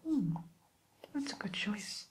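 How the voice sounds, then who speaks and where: A woman playing a sly, genteel wicked witch in an ASMR roleplay, speaking in a breathy whisper with polite, coaxing hesitations. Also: medium pitch, very animated, a little hiss or hum. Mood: musing, coaxing. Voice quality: breathy whisper, mostly unvoiced. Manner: slow, polite, hesitant, coaxing tag questions.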